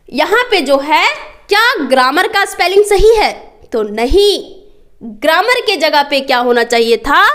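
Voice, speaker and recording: Young female teacher with a high-pitched voice; patient classroom explainer who checks understanding after every point. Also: a bit bright. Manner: constantly quizzes students, checks understanding; slow, spelled-out explanations. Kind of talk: classroom lesson.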